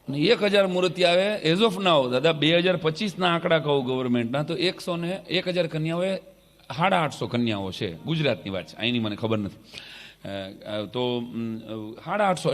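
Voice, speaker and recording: Before an audience in a large hall at a family wedding, this folk comedian, his voice a little high, spins funny stories on stage and readily jumps into different character voices. He's picked up by a stage mic, with echo in the room and music faintly audible.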